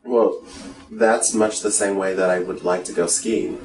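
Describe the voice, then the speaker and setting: A man's voice: low-pitched, steady tone, unhurried, darkish tone. A middle-aged man chatting casually in a dry, matter-of-fact way. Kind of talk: casual chat. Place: small living room, indoors. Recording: roomy, distant microphone.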